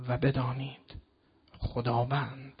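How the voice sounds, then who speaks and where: A man preaching a sermon to an audience in a hall, explaining step by step and reciting Quranic verses slowly and deliberately. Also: mid-range voice, completely flat delivery, breathy edge, dull audio. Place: lecture hall with a live audience.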